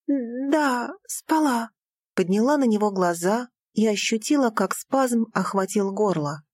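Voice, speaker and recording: Woman reading an audiobook, middle voice, expressive, dry close mic. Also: moderate pace, no echo. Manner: expressive, rising high for the heroine's lines. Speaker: audiobook narrator. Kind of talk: first-person audiobook narration.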